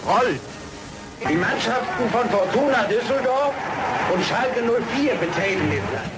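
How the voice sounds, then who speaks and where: A man's voice: very high voice, lively intonation, a little slow. A man declaiming formal commentary as an announcer in an old newsreel recording. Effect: old newsreel sound. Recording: distant old newsreel with loud music.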